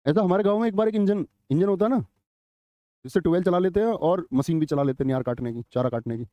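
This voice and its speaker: A man's voice: sits high, fast talker, dark tone, no echo. A man teaching a live online exam-prep class, chatty, quizzing students and reading their chat comments aloud. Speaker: Hindi teacher.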